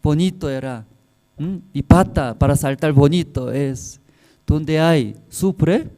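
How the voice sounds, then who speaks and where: A man voicing a small timid male rabbit with a high, plaintive voice in a sermon story. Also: takes it slowly, mellow.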